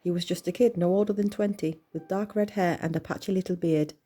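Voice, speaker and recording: A woman reading a horror story aloud in a measured, tense storytelling manner. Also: on the low side, fairly even intonation, husky. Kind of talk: scripted horror narration. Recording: soft music bed under voice.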